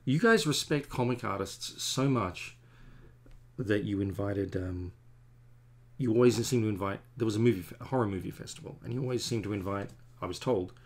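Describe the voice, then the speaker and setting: The speaker is a forties-aged man who draws comics, casually rambling to his stream while working at a desk in his home studio and making light of himself. His pitch is fairly low, his tone darkish, and his speed normal.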